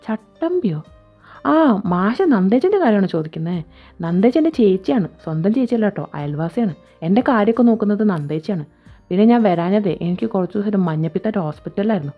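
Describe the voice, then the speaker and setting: A woman doing a fast-talking chatty schoolboy. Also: mid-range voice, animated, lightly acted. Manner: chatty, explanatory. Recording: dull lo-fi sound. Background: faint background music.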